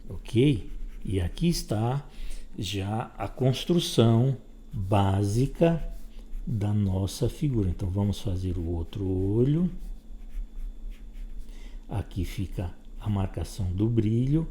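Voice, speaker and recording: A man's voice: fairly low pitch, animated, takes it slowly, dark tone, a little hiss or hum. A man teaching a step-by-step drawing lesson, giving patient instructions while he sketches.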